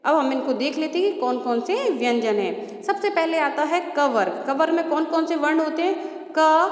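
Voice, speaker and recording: A woman's voice: high-pitched, animated. A woman teacher giving a grammar lesson to children, patiently asking questions and answering them herself. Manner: slow, patient, asks and answers own questions. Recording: echoey roomy hall sound.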